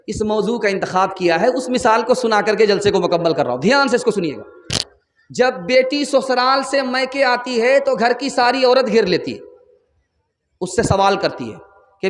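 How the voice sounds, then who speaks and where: A man preaching a sermon to a large gathering, telling stories in an impassioned voice that rises to shouts. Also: very high-pitched. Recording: echoey hall.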